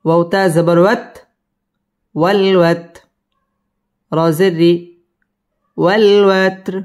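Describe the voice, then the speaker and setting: A man teaching Quran recitation with tajweed, spelling out each verse and then chanting it slowly and melodically between brisk explanations. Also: high voice, fairly even intonation, a little mellow. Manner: slow drawn-out melodic recitation alternating with quick spoken explanations.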